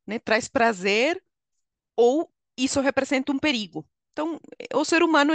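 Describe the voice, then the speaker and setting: This middle-aged woman, an HR consultant and coach, is a guest on a podcast and gives explanatory interview answers. She speaks Portuguese with a Venezuelan Spanish accent, her voice sitting high, and no room sound is heard.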